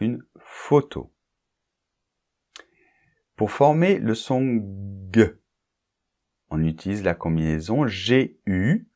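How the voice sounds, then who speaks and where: A man with a lowish, darkish-toned voice gives a French pronunciation lesson. He patiently repeats example words and often checks that the listener is following.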